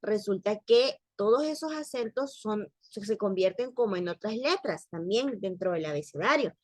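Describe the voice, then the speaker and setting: A woman teaching French in an online class, speaking slowly and repeating words for practice. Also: medium pitch, lively intonation, no echo. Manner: slow, careful, repeats words for drilling.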